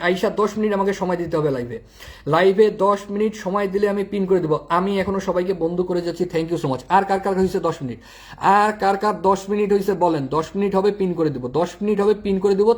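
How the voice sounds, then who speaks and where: Male live streamer, high voice, rapid, repetitive delivery. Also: darkish tone. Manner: quick, repetitive, addresses commenters by name. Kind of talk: live stream chat with viewers.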